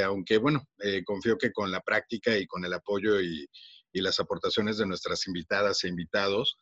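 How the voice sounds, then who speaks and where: Warm and unhurried, a Mexican man in his forties with a Mexican accent hosts a podcast, recounting his own story casually while often restarting and using fillers. His voice is lowish, and the audio is dull but echo-free.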